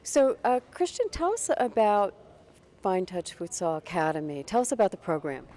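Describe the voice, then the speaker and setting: A woman's voice: mid-range voice, sing-song, moderate pace, dark tone. A woman hosting a community cable TV show who asks short, polite interview questions. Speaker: community TV host. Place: indoor futsal facility.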